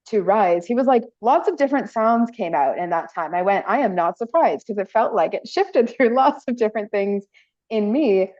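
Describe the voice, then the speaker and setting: A female podcast host runs a casual chat show, telling stories, laughing often, and using many fillers. Her mid-range voice has a darkish tone, and the audio sounds dull.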